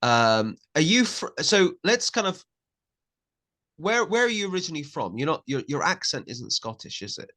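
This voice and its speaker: A man's voice: on the high side, sing-song, moderate pace, pushed and bright. A man hosting a podcast, chatting with his guest and asking questions. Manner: chatty, interviewing. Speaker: podcast host. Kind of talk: casual conversation.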